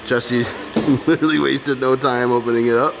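A man's voice: mid-range voice, steady tone, moderate pace, gravelly, background noise. A man filming a casual vlog on a handheld camera, joking around with friends. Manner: joking, laughs often, says "bro". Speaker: vlogger. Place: outdoors and in a shop. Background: music.

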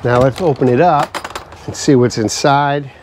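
A man in his forties giving a casual, relaxed unboxing review, thinking aloud with fillers as he goes, recorded on a screened outdoor patio by a camera mic a few feet away. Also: mid-range voice, moderate pace, a little hiss or hum. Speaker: product reviewer.

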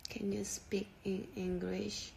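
A young woman in her late twenties talks slowly into a phone held close, unhurried and quiet, often dropping to a whisper. A faint hiss sits behind her voice in a dim room at night. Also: medium pitch, flat delivery, gravelly. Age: 20s. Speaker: livestream host. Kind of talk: casual livestream chat.

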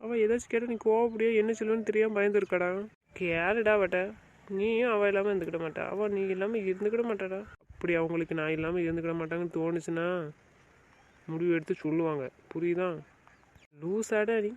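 Man acting as a pleading husband, high voice, muffled lo-fi sound. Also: steady tone, a little fast, lightly acted. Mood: advising. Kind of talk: amateur web drama acting. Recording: muffled low-fidelity recording.

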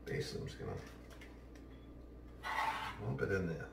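Casual home-cook host, New man, low voice, off-the-cuff, picked up from across a roomy kitchen. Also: very animated, normal speed, gravelly, recorded from a distance, very noisy. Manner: chatty, offhand, talks while working. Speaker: home cooking show host. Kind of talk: casual cooking demonstration. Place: large home kitchen, indoors. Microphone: camera mic at a distance, then close to camera. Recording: roomy kitchen sound, heard from afar.

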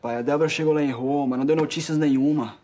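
A man's voice: fairly high pitch, fairly even intonation, fast, crowd noise, close to an everyday voice. A young man playing an impulsive, lovesick teenage boy with a Brazilian accent in a TV soap. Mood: heartbroken. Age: young adult.

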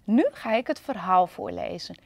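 A woman with a Dutch accent reading a children's picture book aloud slowly, with a playful, lively storytelling manner. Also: mid-range voice, vocal fry, dry recording. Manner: slow, lively storytelling with a wide, playful melody.

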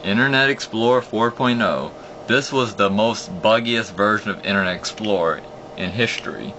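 At normal speed, a young man with a deep voice walks viewers through an old computer in an unplanned, hobbyist way. He restarts sentences and explains things as he clicks, sitting indoors at his computer desk. A phone camera aimed at the display records muffled audio with a steady background hum.

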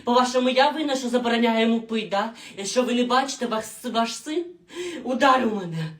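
A woman's voice: on the high side, quick pace, roomy sound, recorded from a distance, close to an everyday voice. A woman voicing a fed-up pregnant young wife who scolds in an exasperated way. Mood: scolding.

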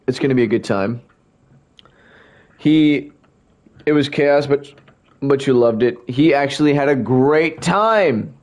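Slow-talking young man streaming with hiccups. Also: medium pitch, lively intonation. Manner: rambling, talks to chat, keeps hiccuping and burping. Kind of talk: casual livestream chat while gaming.

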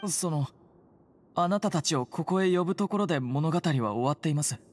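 A woman with a low-sitting, darkish voice, lively intonation and a moderate pace voices an earnest, timid phantom hunter in a Japanese anime game. She sounds hesitant and flustered, polite and formally apologetic. Game music plays behind her, with a little hiss or hum.

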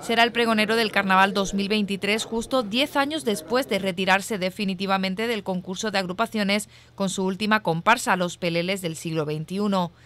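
A woman's voice: mid-range voice, steady tone, moderate pace, few pauses, a bit bright. A woman with an accent from Spain reading a scripted television news report as the reporter.

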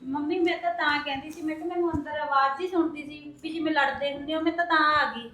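A woman as a high-voiced polite young daughter-in-law. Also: fairly even intonation, quick pace. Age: young adult. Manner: polite, soft-spoken. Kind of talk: Punjabi short film drama.

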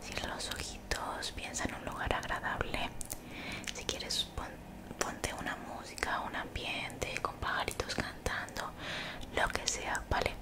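A young woman gives soothing, motivational ASMR in a breathy whisper very close to the mic, gently repeating phrases. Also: measured pace. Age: young adult. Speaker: ASMR creator. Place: small bedroom, indoors. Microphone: desktop condenser mic, very close.

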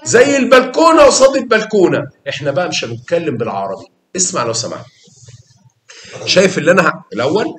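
An Egyptian man teaching a math class with a lively, coaxing manner. His voice sits a little high and swings widely as he repeats key words and quizzes his students. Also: fast, echoey room, slight background noise. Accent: Egyptian Arabic. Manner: animated, coaxing students with questions and repetition.

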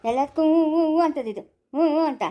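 A busy, chiding mother of the house, played by a woman, talking quickly in a very high voice. Her manner is brisk and scolding, as in a homemade family skit. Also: muffled recording, lightly acted.

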